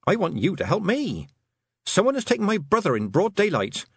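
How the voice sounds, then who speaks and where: Man voicing a firm, high-pitched young girl. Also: huge pitch swings, a little fast, husky, no room sound, heavily acted. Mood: indignant. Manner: firm, earnest. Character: determined, forthright young girl.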